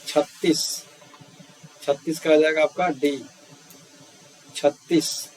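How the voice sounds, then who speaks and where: A man's voice: fairly high pitch, flat delivery, takes it slowly, darkish tone, low-quality recording. A man teaching grammar, reading out words and their answer options one by one, repeating each word as he goes. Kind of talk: spelling quiz walkthrough. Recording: faint hiss.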